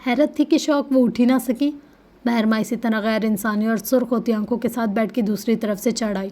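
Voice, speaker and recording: A woman reading a dramatic romance novel aloud in a steady storytelling manner. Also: fairly high pitch. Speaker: novel reader.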